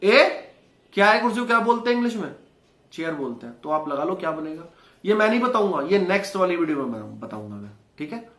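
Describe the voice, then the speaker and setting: A man teaching an English lesson in Hindi, quizzing viewers with quick rhetorical questions. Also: high-pitched, big pitch swings, fairly bright tone. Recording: roomy echo.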